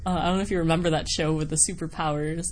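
Her delivery is rapid-fire and flat, with a low pitch. She's a voice actor from Wisconsin in the United States, giving casual, chatty interview answers that ramble, marked by giggles and self-deprecation. The recording has noticeable background noise.

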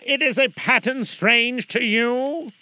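A man voicing the mournful, chained ghost of a dead old businessman, speaking in a solemn, slow lament. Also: extremely high pitch, bright, forceful tone, no room sound, pitched above the performer's own voice, full character voice.

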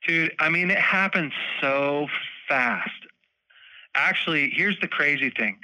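Male guest, casual storyteller, bright forceful tone, dry close sound. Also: fairly high pitch, slow, dry recording, poor audio. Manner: animated, laughs often, acts out moments. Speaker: podcast guest, bowhunter.

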